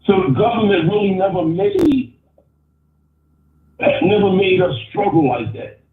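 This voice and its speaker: A man calls in over a muffled phone line, his voice squeezed thin and echoing. He talks bluntly and stammers through restarts, pitched a bit high. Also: lively intonation, unhurried. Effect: muffled phone line over an earbud. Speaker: caller. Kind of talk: opinionated call-in rant. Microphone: wireless earbud on a phone call. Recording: muffled, tinny, echoey phone call.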